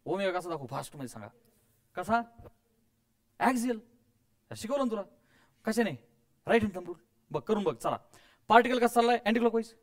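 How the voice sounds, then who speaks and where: A man's voice: high-pitched, expressive, brisk, pauses often. A man teaching physics to a classroom of students, coaxing and quizzing them, mixing English terms in and adding playful sound effects.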